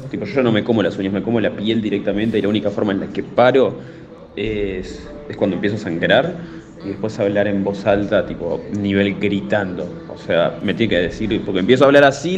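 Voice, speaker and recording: A young man talks in a fairly low voice, candidly confessing his habits with self-mocking humor. The clip sounds dull and lo-fi, played back on air. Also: darkish tone, slight background noise. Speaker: show producer.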